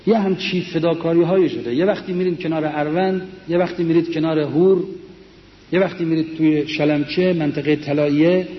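An older man, a war veteran, earnestly telling memories of his comrades to a mosque audience. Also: on the high side. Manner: earnest storytelling, quoting comrades. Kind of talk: memoir talk to a mosque audience. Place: large mosque hall. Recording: echoey, dull lo-fi hall recording.

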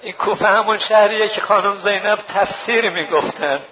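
A man preaching a religious sermon at a mourning gathering, moving between plain storytelling and high wailing chant. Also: noisy background. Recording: dull low-fidelity recording.

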